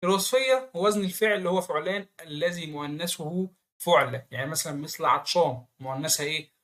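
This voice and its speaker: A man with an Egyptian accent teaching Arabic grammar, quizzing the viewer with quick rhetorical questions. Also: a little high, fairly bright tone. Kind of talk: online grammar lesson.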